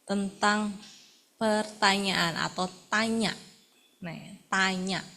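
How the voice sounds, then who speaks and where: Slow-paced woman leading a workshop. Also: mid-range voice, fairly even intonation, pushed and bright. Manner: calls out words one by one for practice. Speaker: workshop facilitator. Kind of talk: leading a sign language class.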